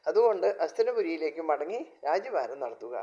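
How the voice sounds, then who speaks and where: Underworld demons talking solemn, a man reading for them, mellow voice, dull recording. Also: on the high side, very animated, brisk.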